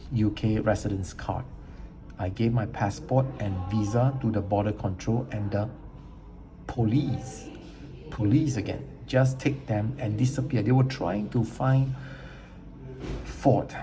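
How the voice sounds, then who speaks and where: A man's voice: fairly low pitch, poor audio. A man giving an indignant, emphatic rant as he reads online posts and reviews aloud, often repeating words as he gets worked up. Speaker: vlogger. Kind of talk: ranting commentary reading online posts aloud.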